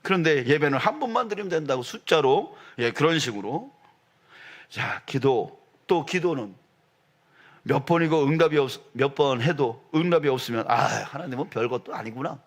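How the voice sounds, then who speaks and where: A man preaching a sermon as pastor, building to loud, emphatic peaks. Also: fairly high pitch, expressive, normal speed. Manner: rises to loud emphatic peaks, acts out quoted voices.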